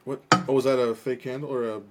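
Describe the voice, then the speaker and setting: A man's voice: mid-range voice, flat delivery, fast talker, very noisy. Chatty joking man co-hosting a stream. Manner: chatty, joking, rambling with restarts. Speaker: co-host. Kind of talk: casual live-stream chat.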